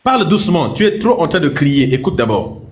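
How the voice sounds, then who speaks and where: A man's voice: a little high, big pitch swings, a little fast, roomy sound, noisy background. A man hosting a heated debate, challenging and pressing his opponent with questions. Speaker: debate host.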